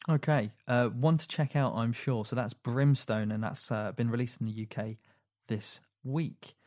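A man's voice: medium pitch, moderate pace, darkish tone, dry recording, clean studio sound. A man hosting a casual film podcast, chatty, with frequent fillers and restarts. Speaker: podcast host.

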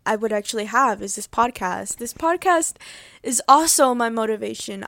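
A woman's voice: on the high side, fairly bright tone, no room sound, clean studio sound. A young woman in her late teens hosting her own podcast, chatting about her life in a rambling, heartfelt way with many fillers and restarts, and laughing often. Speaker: podcast host. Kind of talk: casual personal update.

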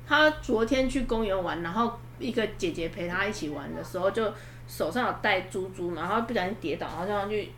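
A woman's voice: medium pitch, a little fast, fairly bright tone, a little hiss or hum. A woman chatting casually as a podcast co-host, telling stories in a rambling way and restarting her sentences often. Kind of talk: casual chat, storytelling. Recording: roomy room echo.

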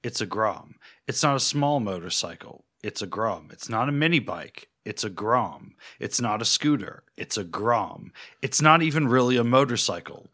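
A man's voice: medium pitch, animated, moderate pace, few pauses, pushed and bright. A man co-hosting a motorcycle podcast in casual chat, with a dry, wry delivery that builds repetitive jokes. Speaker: podcast co-host.

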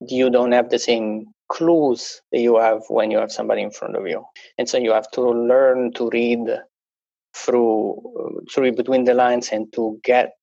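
Gravelly yet mellow, this man's medium-pitched voice comes through in a dull, dry, lo-fi recording. English isn't his first language, and as a podcast guest he talks through the interview conversationally, often restarting and using fillers.

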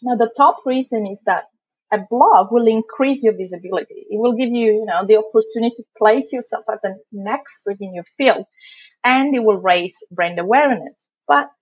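A woman's voice: fairly high pitch, husky, highs cut off. A woman from Italy with a thick Italian accent, a guest explaining blogging and its legal side in a casual interview, chatty and often laughing.

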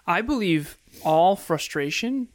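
A man's voice: sits high, expressive, slow pace, no room sound. A man co-hosting a self-improvement podcast, explaining principles in emphatic points like a motivational life coach. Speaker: podcast co-host.

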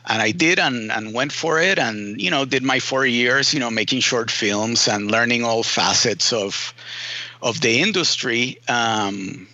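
Man, sharp forceful voice. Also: mid-range voice, measured pace, no room sound, muffled recording. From Puerto Rico. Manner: casual, peppered with "you know" and "man". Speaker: film editor, guest. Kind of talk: relaxed storytelling interview.

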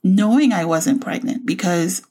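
A woman's voice: medium pitch, animated, unhurried, warm tone. A woman in her forties from the Bahamas, hosting her own show and telling her personal faith story in a reflective, heartfelt way. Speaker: podcast host.

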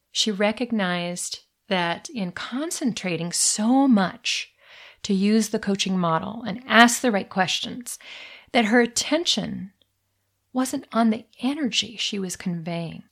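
A middle-aged woman hosting a solo coaching podcast, speaking warmly and deliberately and slowing down to stress words. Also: medium pitch, expressive. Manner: warm, deliberate, slows down for emphasis.

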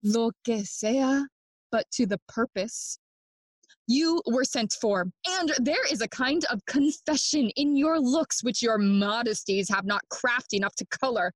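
Classical Shakespearean stage acting for an audio play: a woman whose voice is on the high side voices a slow, sardonic, melancholy young Hamlet feigning madness. The recording is dry, the mood probing, and she mocks theatrically while switching between English and Spanish.

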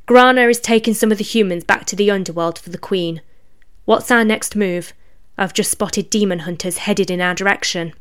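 A woman's voice: mid-range voice, moderate pace, clear, resonant tone, lightly acted. A sly, prying male raven demon soldier, as a woman storyteller puts him on. His voice sits a little above her own and carries a needling edge. He sounds like a storybook underling. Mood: reporting. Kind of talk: storybook reading.

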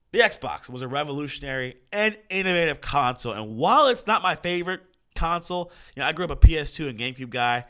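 Froggy, congested American man with a bright edge. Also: a little high. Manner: informal, profane, opinionated. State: sick with a cold. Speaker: podcast host. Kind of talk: casual solo podcast commentary on video games.

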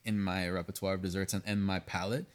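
A man, a pastry chef, talking candidly in a casual podcast conversation, animated, cursing freely and often restarting his sentences. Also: low-pitched, quick pace. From United States, raised partly in Venezuela.

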